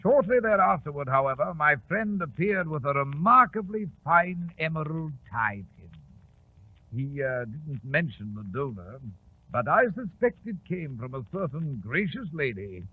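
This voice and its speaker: A man's voice: on the high side, expressive, a little slow, breathy edge. A man playing a genteel, upright doctor telling stories with courtly phrasing in 1940s radio drama. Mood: genial reminiscing. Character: genteel English doctor, loyal storytelling companion, upright. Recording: tinny 1940s radio recording.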